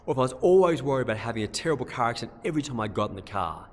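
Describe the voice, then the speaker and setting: A man, a priest giving a gentle, conversational homily in a church, often repeating himself. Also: mid-range voice, animated, rapid-fire. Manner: gentle, conversational, with frequent repetitions. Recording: long church reverb.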